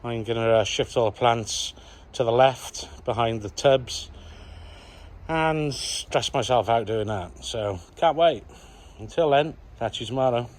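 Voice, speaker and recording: A patio installer films himself laying a patio outdoors, chatting and joking to the camera as he works in a casual work vlog. His voice is medium-pitched and his pace a little slow.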